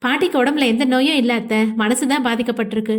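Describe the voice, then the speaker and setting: A woman's voice: a little high, fast, close to an everyday voice. A woman voicing a caring, determined young woman in an audio novel, speaking earnestly and reassuringly.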